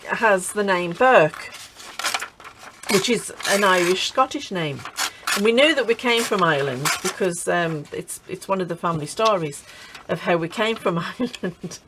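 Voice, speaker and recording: A woman's voice: fairly low pitch, animated, moderate pace, background noise. A middle-aged woman chatting casually while crafting, laughing often and restarting her sentences. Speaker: craft channel host.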